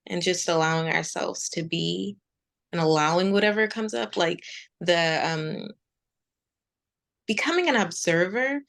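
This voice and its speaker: Speaking at a medium pitch with a gravelly quality, a woman in her forties shares her story as a meditation teacher and interview guest. Her delivery is conversational, broken by reflective, halting pauses.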